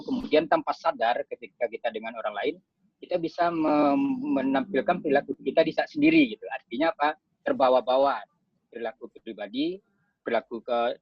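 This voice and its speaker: A man speaking as a student in an online class, explaining a point in a quick, explanatory way. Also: medium pitch, slightly rough, dry recording, dull audio.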